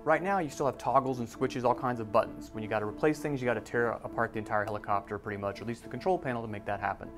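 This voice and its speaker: Brisk male news reporter. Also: mid-range voice, music in the background. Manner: brisk, explanatory, talks with his hands. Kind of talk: news feature narration. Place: office room.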